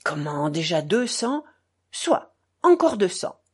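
A woman reading a novel aloud, voicing a reckless, hot-headed young man who speaks loud and raised. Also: on the low side, very animated, slow pace, slightly rough, voice pushed down, exaggerated voice.

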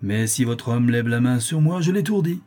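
A man's voice: medium pitch, expressive, normal speed, warm tone, close to an everyday voice. A man voicing a hard-hearted bailiff's officer who speaks in a mocking, sardonic way.

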